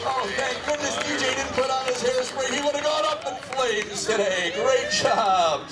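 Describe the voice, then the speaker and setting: A man's voice: very high voice, moderate pace. A man announcing a live police dog demonstration with playful, showman-like commentary. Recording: distant echoey PA, loud crowd noise.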